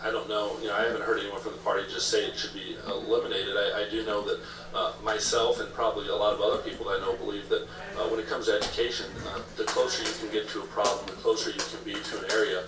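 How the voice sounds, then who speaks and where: Fast-talking male political candidate, echoey recording. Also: lowish voice, little pitch movement, crowd noise. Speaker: political candidate being interviewed. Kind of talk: political interview answers. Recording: echoey room, distant mic, noisy background.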